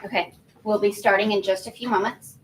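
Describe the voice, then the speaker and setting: A woman's voice: mid-range voice, fairly even intonation, fairly quick, a little hiss or hum, rough recording. A woman running a school spelling bee, giving firm, step-by-step instructions to students. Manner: firm, instructive, repeats rules. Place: school event room.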